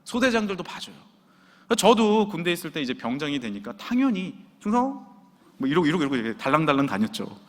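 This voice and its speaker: A middle-aged man preaching a sermon as senior pastor, dramatic, acting out quotes and shouting hallelujahs. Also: on the high side, very animated, fast talker. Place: church sanctuary. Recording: long hall reverb.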